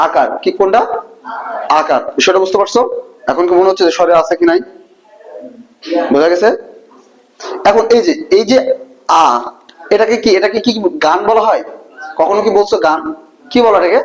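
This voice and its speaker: High-voiced man teaching a class. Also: low-quality recording. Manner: asks students questions and answers them himself. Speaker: Bangla teacher. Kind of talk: classroom lesson.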